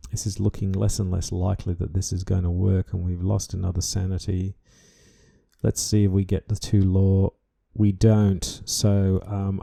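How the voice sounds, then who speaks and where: A man's voice: low-pitched, creaky, dark tone. A man hosting a game playthrough in casual commentary, fretting fussily and hesitantly as he thinks aloud. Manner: fretful, fussy, muttering worries over bad luck. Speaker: host of a board game playthrough series. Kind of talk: casual unscripted gameplay commentary.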